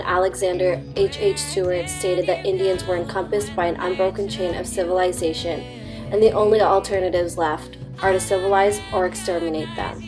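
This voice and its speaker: Young woman, earnest documentary read, music underneath. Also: on the low side. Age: young adult. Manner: earnest, read-aloud delivery. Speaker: student narrator. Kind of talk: scripted documentary narration.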